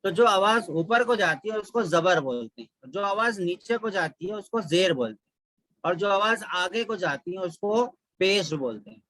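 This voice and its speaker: A man teaching a Quran reading class, patiently repeating each rule and drilling letters slowly. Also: high-pitched, expressive, a bit bright, no echo, rough recording. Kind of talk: online class instruction.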